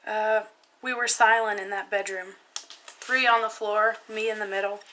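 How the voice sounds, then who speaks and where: A young woman reading her own poem aloud in a soft, halting spoken-word style. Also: medium pitch, fairly even intonation, a little hiss or hum, low-quality recording. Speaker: vlogger.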